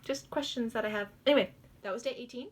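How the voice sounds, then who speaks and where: A woman's voice: fairly high pitch, fast talker. Young woman, casual Bible reader, chatty asides, trips over names. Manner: rambling, giggly asides full of likes and ums; stumbles on hard names. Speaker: host reading the Bible aloud.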